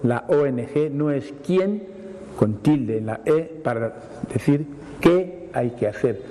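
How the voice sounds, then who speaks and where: A man explains word usage on a TV program in a measured, patient way. He reads definitions, restates them, and gives everyday examples. His voice is dark and mellow, and it sounds a little reverberant with faint hiss behind it. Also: medium pitch, expressive. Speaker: language academic answering viewer questions. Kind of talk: explanatory TV segment.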